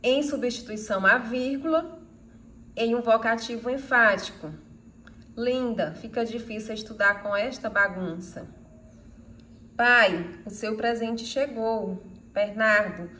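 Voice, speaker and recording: A woman's voice: medium pitch, fairly bright tone, slight background noise. A woman with a Brazilian Portuguese accent teaching a grammar lesson, asking rhetorical questions and answering them herself, and reading example sentences aloud with expression.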